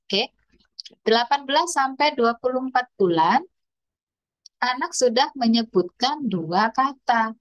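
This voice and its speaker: A woman's voice: a little high, lively intonation, a little slow, long pauses, muffled recording. A woman speech therapist lecturing parents on toddler speech milestones, now and then imitating baby talk and animal sounds.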